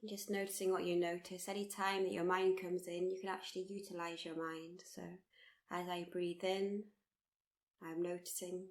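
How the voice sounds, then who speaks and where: In a live workshop, a female meditation instructor talks participants through a body scan. Soothing and in no hurry, she keeps her slightly low voice even and flat, offering gentle encouragement and returning to the same phrases.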